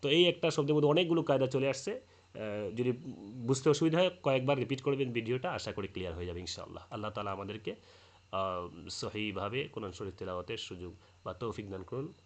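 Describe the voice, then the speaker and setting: A man giving a Quran recitation lesson, explaining rules patiently, repeating his points and chanting verses slowly as examples. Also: on the low side. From Bangladesh.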